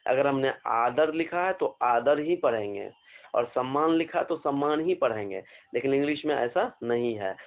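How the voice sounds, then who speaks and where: A man teaching an exam vocabulary lesson, slowly spelling out words letter by letter and asking questions. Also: medium pitch. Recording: phone-like narrow band.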